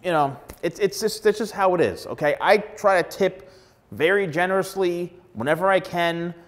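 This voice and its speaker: Male stylist host, 40s, blunt and emphatic, lapel mic, slightly high voice. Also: normal speed. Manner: emphatic, blunt, repeats words for stress. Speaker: hairstylist giving advice. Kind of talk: direct-to-camera advice vlog. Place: plain studio backdrop indoors.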